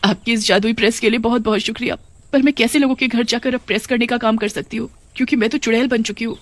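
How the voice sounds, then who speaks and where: A woman voicing a widowed mother who becomes a gentle witch in a cartoon horror story. She speaks in a pleading, emotional way. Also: on the high side, steady tone, quick pace, dry recording, voice pushed up, natural voice. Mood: relieved. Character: grieving widowed mother turned witch, tender.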